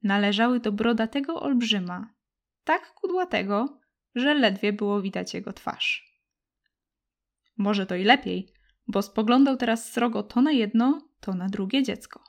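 A woman reading a children's story aloud with gentle, expressive narration. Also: fairly high pitch, unhurried. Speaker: audiobook narrator.

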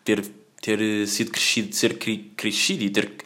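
A man's voice: fairly low pitch, little pitch movement, unhurried, pushed and bright. A man with a European Portuguese accent hosting a casual solo podcast, rambling in slang with constant fillers and restarts. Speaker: podcast host.

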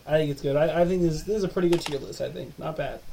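Gravelly-voiced man chatting casually. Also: a little high, fast, dark tone, slight background noise. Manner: hesitant, repeats words, laid-back. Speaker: podcast co-host. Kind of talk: casual chat.

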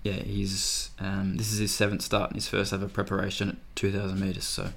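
A man's voice: low-pitched, monotone, a little fast, vocal fry, fairly bright tone. An Australian man chatting casually through horse racing form as a tipster, in a tentative, hedging way. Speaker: racing tipster, podcast co-host. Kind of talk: casual racing analysis chat.

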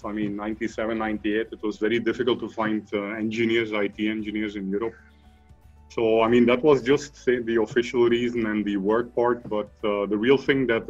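Man, low monotone, rambling interview guest, muffled audio with faint music. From Belgium (Flanders). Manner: rambling, many fillers and restarts. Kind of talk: conversational interview.

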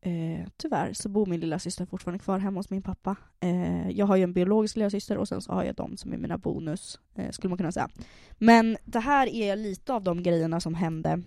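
A woman's voice: fairly low pitch, creaky, dark tone, dry recording, clean studio sound. A young woman frankly telling her own story in a casual podcast, full of fillers and acted-out dialogue. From Sweden. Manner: frank, lots of fillers, acts out quoted dialogue.

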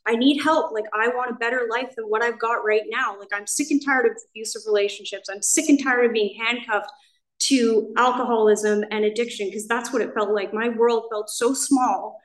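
A woman in her thirties with an American accent shares her story at a recovery meeting in a church hall. She talks candidly and emotionally, slightly nervous, with a fairly high voice. The room around her is echoey. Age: 30s. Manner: candid, emotional storytelling with many "I was like" quotes.

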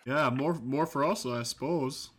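A man's voice: medium pitch, unhurried, fairly bright tone. Laid-back jokey man player. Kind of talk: casual tabletop game chat.

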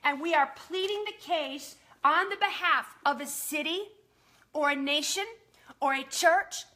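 A woman preaching in a live-streamed sermon, her voice high and ringing bright. She talks fast and earnestly, working scripture into her teaching.

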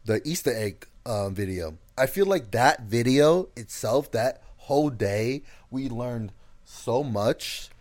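A man's voice: mid-range voice, animated, slow, darkish tone. A man co-hosting a casual podcast, talking loosely and leaning on "like" and other fillers. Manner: loose, filler-heavy, often uses "like". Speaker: podcast co-host. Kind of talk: casual chat.

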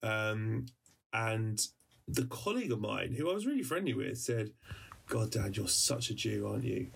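A man's voice: lowish voice, big pitch swings, moderate pace, vocal fry, fairly bright tone, slightly rough, distant mic. A man co-hosting a podcast, telling a personal story in a rambling, hesitant way with many restarts. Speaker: podcast co-host; journalist. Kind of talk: casual conversational storytelling.

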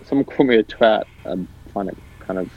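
A young Australian man co-hosting a comedy podcast, riffing absurd ideas in a rambling, deadpan way. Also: fairly low pitch, brisk, lo-fi sound. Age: young adult. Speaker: podcast co-host. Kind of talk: casual comedy chat.

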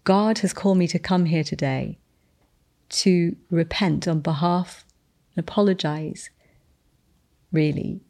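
A woman earnestly telling a testimony of a spiritual encounter, with restarts and slowed, emphatic phrases. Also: fairly low pitch, darkish tone. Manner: descendant of the Boleyn family telling a spiritual encounter. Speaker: guest sharing a testimony. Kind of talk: storytelling testimony.

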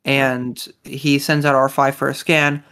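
Chatty podcast co-host, mid pitch. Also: flat delivery, a little slow, a bit bright, clear, resonant tone. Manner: chatty, enthusiastic, many fillers. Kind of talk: casual chat reviewing a series episode.

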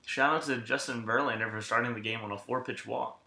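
Bright-voiced man in an echoey room. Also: medium pitch, fairly even intonation, fairly quick, creaky. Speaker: sports podcast host. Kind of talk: casual sports chat. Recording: roomy, echoing sound.

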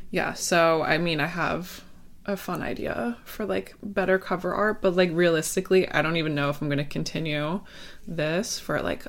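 Young woman, slightly low pitch, casual solo podcast, girly, rambling, filler-heavy, hesitant. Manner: girly, informal speech. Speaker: host of a fitness podcast.

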